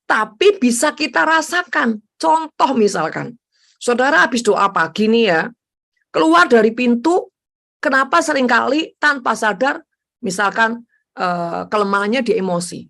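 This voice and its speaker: A woman evangelist giving a conversational sermon, constantly addressing listeners as brothers and sisters and acting out her own prayers. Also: gravelly. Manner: addresses listeners as "saudara" repeatedly, animated pitch swings. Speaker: evangelist preacher.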